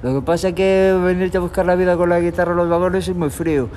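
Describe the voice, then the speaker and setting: A young man from Galicia, a street guitarist, talking in a relaxed, rambling way in an outdoor tunnel. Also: high voice, fast talker, a little hiss or hum. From Galicia, Spain. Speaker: street musician. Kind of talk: street interview. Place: tunnel in a city park, outdoors.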